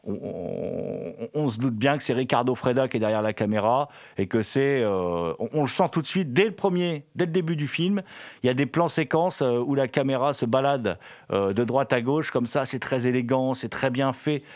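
A man's voice: medium pitch, animated, moderate pace, a little mellow. A man hosting a casual film review, enthusiastic but hesitant, full of fillers and repeated words.

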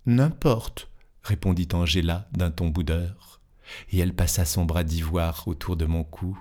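Deep-voiced man reading a classic tale. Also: little pitch movement, moderate pace, dark tone. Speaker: narrator.

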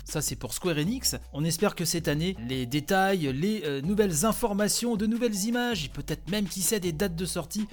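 A man's voice: high-pitched, lively intonation, normal speed, few pauses. Chatty man hosting a gaming news show. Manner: chatty, many "hein" and "euh" fillers. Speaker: gaming news podcast host. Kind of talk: casual news commentary.

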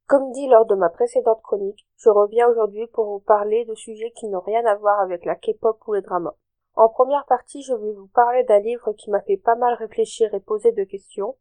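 A woman's voice: on the high side, fairly even intonation, normal speed, mellow, no echo, poor audio. A woman hosting her own podcast chronicle, presenting in a friendly, chatty way with little asides. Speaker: podcast host.

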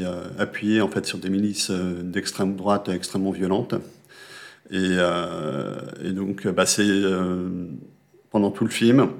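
A man giving a film recommendation in casual talk, halting and searching for words with many fillers. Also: low voice.

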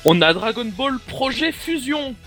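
A man's voice: very high-pitched, big pitch swings, unhurried, a bit bright, soft background music. A young man co-hosting a casual gaming podcast, enthusiastic and joking, rambling through the news with fillers. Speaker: podcast co-host presenting game news.

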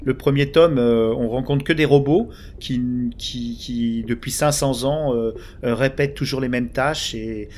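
Halting French man hosting a podcast. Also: medium pitch, darkish tone. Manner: hesitant, stammers and repeats words often. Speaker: podcast host. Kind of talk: casual podcast chat about manga.

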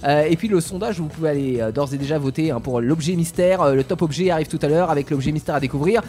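A man's voice: fairly high pitch, fast, dark tone. A man hosting a live radio show from a studio, playful and joking, with many hesitant fillers.

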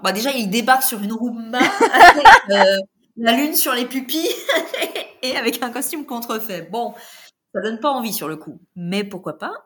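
A woman's voice: fairly high pitch, lively intonation, moderate pace, fairly bright tone, slight background noise. A woman co-hosting a casual podcast chat, playful and giggly, with joking asides. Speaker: podcast co-host.

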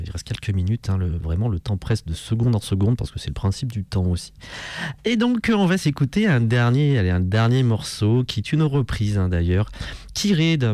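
A man's voice: on the low side, darkish tone, no room sound. A man hosting a radio show, talking casually and rambling with many fillers and restarts. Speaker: radio host.

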